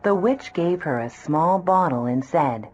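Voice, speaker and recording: A woman narrating a children's storybook in a slow, gentle, clear reading. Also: sits low, lively intonation. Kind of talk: scripted storybook narration for kids. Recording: dull lo-fi with soft music.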